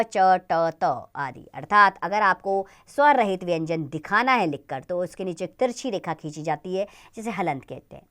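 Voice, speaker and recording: Woman, teacher, children's grammar lesson, smooth clear voice, deliberate, spells out sounds. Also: mid-range voice.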